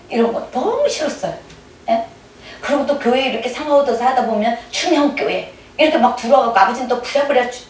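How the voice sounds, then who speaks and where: A middle-aged woman giving a conversational testimony sermon in a church hall, often pressing her listeners with quick questions. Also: fairly high pitch, darkish tone, a little hiss or hum. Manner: keeps prodding the audience with quick questions. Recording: echoey room, mic at a distance.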